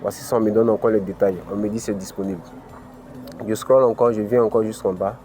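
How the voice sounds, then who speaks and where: This fast-talking crypto channel host has a warm, fairly low voice with fairly even intonation. Speaking with an African French accent, he explains a screen-recorded tutorial step by step, full of "ok" and "voilà," as faint music plays behind.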